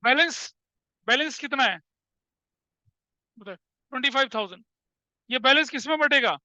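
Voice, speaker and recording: A man's voice: very high voice, moderate pace, bright, forceful tone, no room sound, rough recording. A man in his forties teaching an accountancy class. He keeps questioning his students, repeats his points, and calls them "beta". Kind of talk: classroom lecture mixing Hindi and English.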